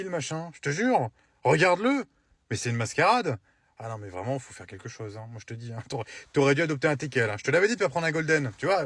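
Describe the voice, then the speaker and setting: A man's voice: on the high side, fairly bright tone, no echo. Mocking, crude comic man. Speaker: comedian. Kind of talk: comic sketch monologue.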